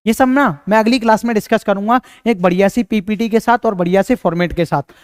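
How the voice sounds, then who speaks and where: A man's voice: high voice, fast, clear, resonant tone, no echo, studio quality. A young man teaching physics in a casual, chatty lecture, talking straight to his students and joking with them. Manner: chatty, jokey, addresses students directly.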